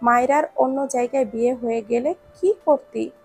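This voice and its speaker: A chatty, teasing young man pesters his friend with questions, as voiced by a woman narrator. The voice sits very high and has a gravelly grain. Faint music runs underneath. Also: normal speed, a little mellow.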